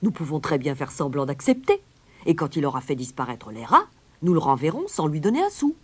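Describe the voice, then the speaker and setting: A woman voicing a pompous, scheming male town mayor in a storybook reading, with loud, blustering speech. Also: low-pitched, wildly swooping pitch, fairly quick, husky, full character voice.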